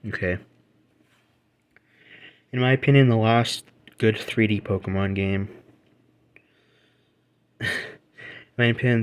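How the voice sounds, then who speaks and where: Rambling low-voiced gaming vlogger man. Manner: rambling, with many restarts and self-corrections. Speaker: gaming reaction channel host. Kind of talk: casual opinion rant to camera.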